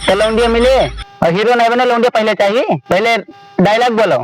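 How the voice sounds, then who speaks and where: A man's voice: very high-pitched, fairly quick, no room sound. A man with an Awadhi accent performing a village comedy sketch, bossy and coaching. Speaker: comic actor.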